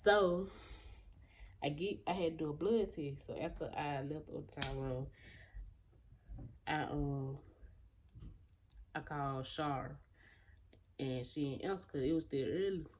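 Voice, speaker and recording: An eighteen-year-old woman talks straight to camera in a casual storytime. Her voice sits low and mellow, and she acts out everyone else's lines. Her talk is loose and chatty, with plenty of fillers and restarts. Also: unhurried, long pauses. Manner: animated retelling, acting out other people's lines. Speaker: vlogger.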